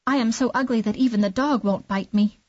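A woman voicing a timid young duckling in a soft, meek tone close to her own voice. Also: on the high side, fairly quick, no echo, highs cut off, lightly acted.

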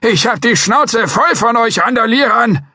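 A testy old security guard shouts in a thin, high, querulous voice. He is suspicious and doddering, and his speech is husky and close with no room around it. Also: animated, a little slow, dry recording, heavily acted. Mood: shouting.

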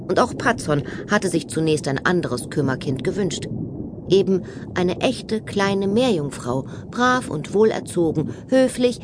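Lively German woman reading a children's story. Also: low voice, background noise. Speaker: audiobook narrator. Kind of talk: children's audiobook narration.

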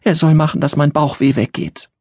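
A man's voice: on the high side, fairly even intonation, brisk, darkish tone, dry recording, studio quality, voice pushed up, lightly acted. A man doing a small sick girl, pleading. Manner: pleading, plaintive. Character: sick frightened little girl in pain.

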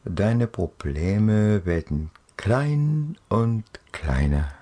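A man narrating a guided relaxation journey for children in a soft, dreamy, soothing way, with gentle pauses and a breathy, husky voice. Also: fairly low pitch, expressive.

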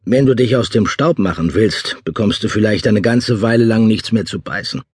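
A man voicing a circus worker in an audiobook, speaking low, hushed and urgent. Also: moderate pace, breathy edge, no echo, studio quality.

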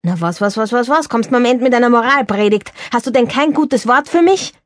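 A woman voicing an excitable, lovesick man, a stage actor, who talks in a gushing, emphatic with a husky tone. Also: a little high, brisk, no room sound, clean studio sound, pitched above the performer's own voice, natural voice.

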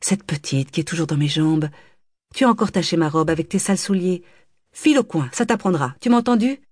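A woman voicing an irritable, scolding mother with a sharp, nagging manner in an audiobook. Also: on the low side, lively intonation, a little fast, no room sound, studio quality. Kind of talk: audiobook character voice.

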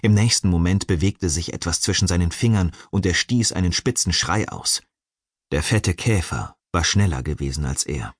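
Deep husky male audiobook narrator. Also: normal speed, dry recording, studio quality. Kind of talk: scripted narration.

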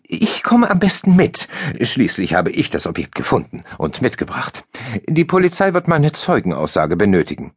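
A man's voice: medium pitch, huge pitch swings, moderate pace, breathy edge, no room sound, studio quality, voice pushed up. A man voicing a tall, timid tourist official who speaks stiffly and stammers when pressed. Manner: formal, stammering.

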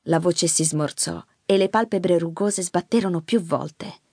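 A woman narrating an audiobook in an expressive, measured storytelling manner. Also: fairly low pitch, breathy edge, no echo. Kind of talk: scripted narration. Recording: dry close studio mic.

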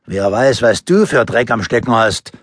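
Male narrator playing a cheerful costumed robber, sunny and pushy; husky voice, lively pitch, dry close sound. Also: normal speed, dry recording. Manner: breezy, sunny menace.

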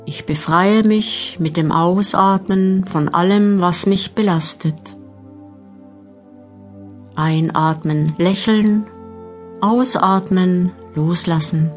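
A woman narrating a guided meditation audiobook, giving measured instructions with long pauses. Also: on the low side. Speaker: mental training narrator. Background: new-age music.

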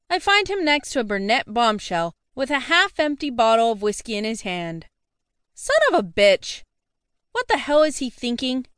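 Woman, audiobook narrator, first-person, sassy, sharp-tongued, slightly high voice, dry close recording. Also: smooth, no echo.

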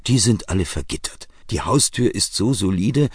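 A man's voice: lowish voice, expressive, normal speed, husky, no echo, clean studio sound. A man voicing a despairing forty-year-old police officer in an audiobook. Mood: desperate. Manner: despairing, urgent.

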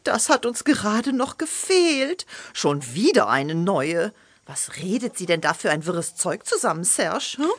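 A woman voicing a patient hen who keeps gently correcting the rooster, in a children's audiobook. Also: on the low side, very animated, no echo. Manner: gently correcting, soothing, unhurried. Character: patient, know-it-all hen, Serge's companion.

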